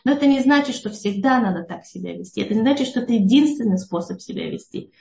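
A woman's voice: on the high side, lively intonation, quick pace, gravelly, warm tone, roomy sound. A woman explaining a psychology idea to an audience, often checking in with a questioning "yes?". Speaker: psychology speaker.

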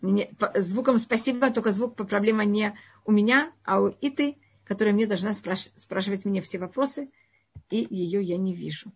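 A woman with a medium-pitched, slightly rough voice speaks at normal speed in non-native Russian with a foreign accent, Russian not being her first language. Teaching a live online religious lesson and answering audience questions, she emphatically repeats and rephrases her points. The stream audio is dull and lo-fi.

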